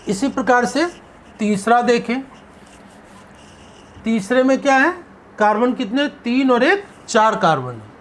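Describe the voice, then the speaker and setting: A man's voice: extremely high pitch, animated, measured pace, pauses often, fairly bright tone, a little hiss or hum. A male chemistry teacher giving a classroom lecture. He poses questions and answers them himself, stretching out the key terms.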